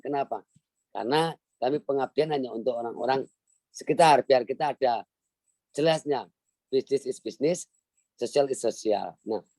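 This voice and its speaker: A man's voice: mid-range voice, warm tone, no room sound. A middle-aged man giving an emphatic talk on a video call as a webinar guest speaker, often repeating his key phrases.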